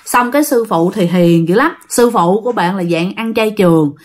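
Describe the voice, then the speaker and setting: A woman's voice: medium pitch, moderate pace. A woman with a Southern Vietnamese accent telling a ghost story, talking straight to her listeners. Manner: animated, addresses listeners directly.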